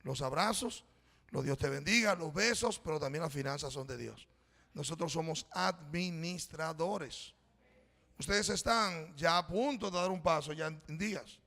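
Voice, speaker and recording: High, gravelly middle-aged pastor preaching. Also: male voice, normal speed, pushed and bright. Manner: storytelling, conversational, addresses congregation as brothers. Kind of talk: sermon with personal testimony. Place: church. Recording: reverberant church hall.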